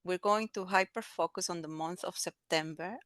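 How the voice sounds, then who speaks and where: A woman from Mexico hosting an interview podcast, talking in an enthusiastic, animated way with small restarts. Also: lowish voice, normal speed, no room sound. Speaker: podcast host.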